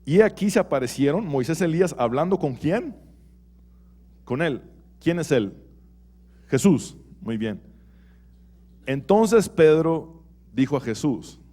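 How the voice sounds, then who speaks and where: A man preaching a sermon in a church as pastor, animated, swinging between loud and soft and asking rhetorical questions. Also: mid-range voice.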